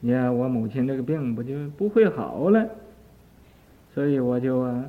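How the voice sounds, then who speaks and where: A man's voice: mid-range voice, animated, moderate pace, lightly acted. An older man voicing a grief-stricken man who is desperate to cure his sick mother, in an anguished, pleading voice. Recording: tinny lo-fi archive tape.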